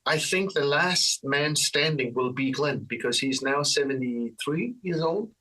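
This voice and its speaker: A man's voice: a little high, unhurried, far from the mic, low-quality recording. A man with a Danish accent, a guitarist chatting casually in an interview, loose and rambling with lots of restarts. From Denmark. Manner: relaxed, rambling, frequent restarts and fillers. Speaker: guitarist guest.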